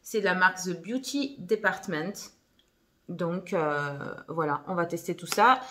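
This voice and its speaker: With a fairly low-pitched voice that's bright and forceful, a young woman vlogs a shopping haul from home at a measured pace. She's chatty and casual, leaning on fillers and slipping in little laughs.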